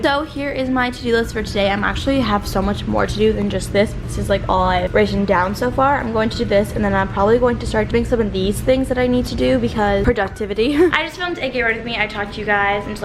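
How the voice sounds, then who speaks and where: A young woman chatting casually to her vlog in a bubbly, girly sorority-girl way, peppering her sentences with like. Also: a little high. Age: young adult. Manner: filler-heavy, says like constantly. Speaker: college student vlogger.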